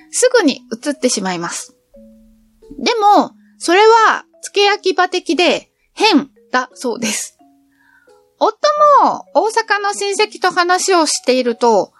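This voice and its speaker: A woman's voice: sits high, fairly bright tone. A middle-aged woman narrating her train trip in a cheerful, chatty storytelling manner. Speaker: travel vlogger. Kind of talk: scripted travel narration.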